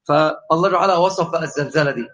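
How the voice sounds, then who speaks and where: Animated Egyptian man teaching theology. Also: on the high side, very fast. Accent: Egyptian Arabic. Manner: animated, asks the class questions and calls on students. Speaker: religious teacher. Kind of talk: Islamic theology lesson.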